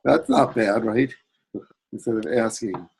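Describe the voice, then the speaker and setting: A man's voice: on the low side, measured pace, gravelly, a little mellow, breathy edge. A man on a group call giving playful, nitpicking feedback on chapter titles. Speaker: workshop participant giving feedback. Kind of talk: casual group video call.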